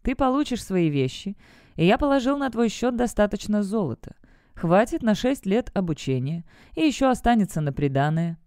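A woman voicing a gruff, commanding noble father in an audiobook. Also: mid-range voice, very animated, moderate pace, darkish tone, no room sound, clean studio sound, lightly acted. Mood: justifying. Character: stern noble father, a high-ranking guard, gruff. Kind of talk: audiobook character voice.

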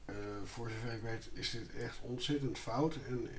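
A man hosting a radio show, chatting casually between records in a halting way with many fillers. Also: mid-range voice, steady tone, heavy background noise. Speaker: radio host playing records.

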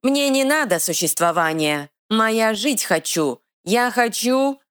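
Woman voicing a gruff male troll in broken speech. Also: fairly high pitch, lively intonation, slow, a bit bright, voice pushed up. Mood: defiant growl. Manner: ungrammatical broken phrasing.

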